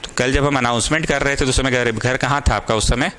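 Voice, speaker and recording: A man's voice: medium pitch, fairly even intonation, fast talker, noisy background. A young man teaching maths to a small class, mixing in English and scolding students in a caring way. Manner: scolding yet caring, mixes Hindi and English. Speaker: maths tutor.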